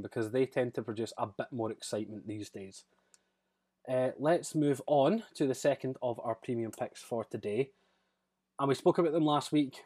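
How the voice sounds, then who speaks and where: A man's voice: fairly low pitch, mellow. A man hosting a casual football podcast, giving dry, downbeat predictions. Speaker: podcast host.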